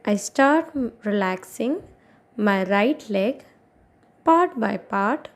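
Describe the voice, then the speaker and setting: A woman instructor leads a guided meditation in the style of yoga nidra narration, offering soothing instructions in short phrases separated by long pauses. Her voice is mid-range and expressive.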